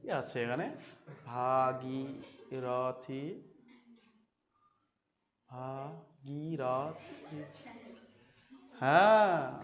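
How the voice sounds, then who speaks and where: A man teaching Sanskrit verses to a class. He quizzes the students, repeats key phrases and chants the verses slowly. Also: high voice, fairly bright tone, highs cut off. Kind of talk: classroom lecture explaining verses.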